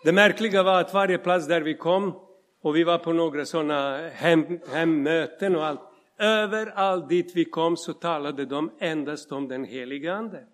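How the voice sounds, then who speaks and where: Middle-aged male preacher, fairly high voice, lively storytelling sermon delivery. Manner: storytelling, animated, addresses listeners directly. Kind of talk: sermon with personal testimony.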